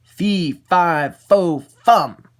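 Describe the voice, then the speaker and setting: A storyteller voicing a huge man-eating giant who chants his lines slowly and heavily. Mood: booming. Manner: slow, heavy, booming chant.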